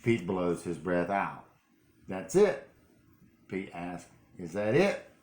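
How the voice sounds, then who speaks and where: An older man with a deep, grandpa-like voice reads a picture book aloud at a measured pace, playful and chatting the way a grandfather would with a young child. The home recording sounds roomy and carries some noise.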